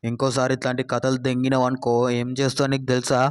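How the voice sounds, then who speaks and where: A man's voice: mid-range voice, monotone, racing, smooth, natural voice. A man playing a bossy, threatening hostel warden. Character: strict middle-aged male hostel warden, bossy. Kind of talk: comedy sketch.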